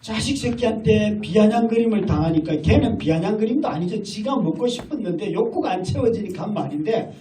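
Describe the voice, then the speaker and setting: A man's voice: high-pitched, expressive, brisk, hardly any pauses, dark tone. A middle-aged male pastor preaching a sermon, telling stories and acting out family dialogue. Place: large hall at a retreat. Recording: echoey hall from far off with faint noise.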